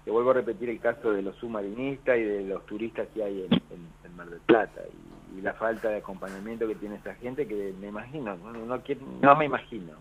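A union leader from Argentina phones in to a radio program, speaking Argentine Spanish in a rambling manner full of restarts. His voice is lowish and fairly quick, with hardly any pauses, and it comes through the telephone sounding tinny.

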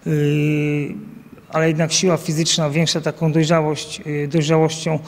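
Speaking unhurriedly and with a completely flat delivery, a national team coach in his thirties answers an interviewer outdoors by a banner at an event. His somewhat high voice has a big-room sound and is picked up by a handheld mic the interviewer holds. He uses many fillers and restarts.

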